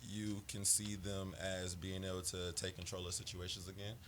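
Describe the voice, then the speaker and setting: A man hosting a podcast in casual group chat. He talks in an animated way, repeats himself as he builds a point, and his voice is going hoarse. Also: sits low, moderate pace, slight background noise. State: losing his voice. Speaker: podcast host.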